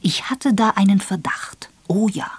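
Brief: Vorleser als älterer Major, galant, geschwätzig, selbstgefällig; ruhige, nicht lebhafte Stimmführung, trockener Klang. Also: male voice, high-pitched, unhurried, slightly rough, dry recording, whispered, pitched above the performer's own voice. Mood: confiding. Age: older. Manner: self-satisfied, gossipy, confiding. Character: Major Palgrave, older man, boastful and gallant. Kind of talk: audiobook character voice.

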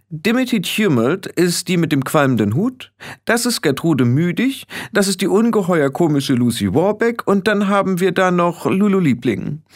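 A man's voice: high-pitched, pitched above the performer's own voice. A man doing a haughty, bossy teenage witch girl. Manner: imperious, condescending, clipped. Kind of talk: audiobook character voice.

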